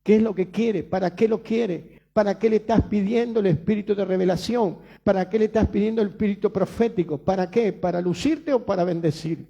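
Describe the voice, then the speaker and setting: A man's voice: sits high, fairly quick, gravelly, few pauses, dark tone, highs cut off. A man with a Rioplatense Spanish accent preaching a sermon as pastor, emphatic, repeating phrases and asking rhetorical questions.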